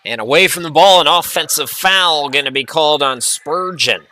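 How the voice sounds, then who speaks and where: A man calling a basketball game play-by-play, chatty and prone to rambling asides between excited calls. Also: on the high side, moderate pace. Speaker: play-by-play announcer.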